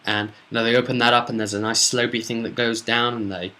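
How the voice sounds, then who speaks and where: A man with a sharp, bright, mid-pitched voice acts as game master, casually recapping a tabletop role-playing session in an informal storytelling style. He talks fast in a level tone but leans on dramatic emphasis to carry the action.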